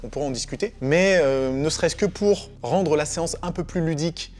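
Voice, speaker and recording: A man who coaches fitness, talking fast and confidently as he gives quick, blunt opinions in a relaxed way. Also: fairly high pitch. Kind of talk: quick-fire opinion answers.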